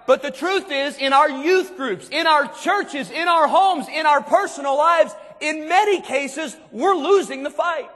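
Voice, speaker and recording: A man preaching a sermon to a youth conference, emphatic, dropping low and quiet and then rising to shouts. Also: unhurried, few pauses. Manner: emphatic, swings between hushed and shouted. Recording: long hall reverb.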